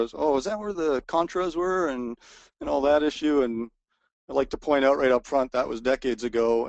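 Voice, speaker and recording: His voice wearing thin, a resort co-owner stumbles through an informal sales webinar with restarts, fillers and self-deprecating asides. The gravelly, mid-pitched voice comes across a little mellow. The close computer-mic audio is dry, with no room sound and its highs cut off.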